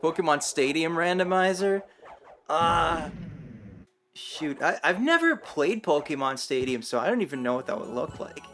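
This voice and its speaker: A man's voice: a little high, lively intonation, normal speed, a bit bright, slight background noise. A man chatting casually and rambling about games while streaming, often self-deprecating. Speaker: game streamer. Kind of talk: casual gaming chat. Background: game music.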